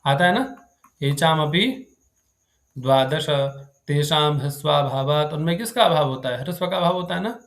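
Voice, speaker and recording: A man's voice: fairly high pitch, moderate pace, a bit bright. A man teaching Sanskrit grammar to a live class, who quizzes his students and keeps checking whether they have understood.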